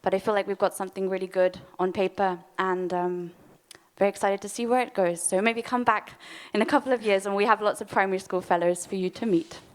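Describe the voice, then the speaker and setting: A woman's voice: medium pitch, fairly even intonation, fairly quick, clear, resonant tone. A British woman with a slight German tinge to her accent, out of breath, giving a friendly conference talk with fillers. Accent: British English with a German tinge. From Britain. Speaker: program lead.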